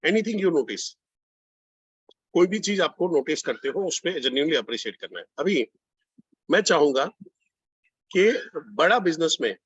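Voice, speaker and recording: Husky-voiced man coaching a sales class. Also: on the high side, very animated, a little slow, long pauses, fairly bright tone, no room sound, highs cut off. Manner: coaching, repeats phrases, addresses listeners directly. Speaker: sales trainer. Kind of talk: online training session.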